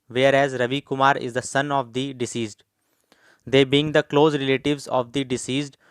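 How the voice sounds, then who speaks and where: A man with an Indian accent dictating formal legal text in deliberate, evenly timed phrases, as a shorthand instructor does. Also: medium pitch, clear, resonant tone, dry recording.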